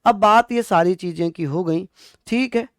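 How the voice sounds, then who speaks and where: A man's voice: high voice, a little slow, smooth, no echo, clean studio sound. A male teacher giving an online exam-prep lecture, repeating key points and asking questions he then answers himself. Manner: repetitive, addresses students as bhaiya.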